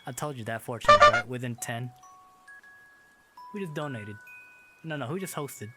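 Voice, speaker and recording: A man's voice: medium pitch, animated, measured pace, loud music behind the voice. A young man streaming, chatting casually while drilling Japanese words, playfully putting on a Southern drawl. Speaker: variety streamer. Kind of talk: casual livestream chat while studying Japanese. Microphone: streaming microphone.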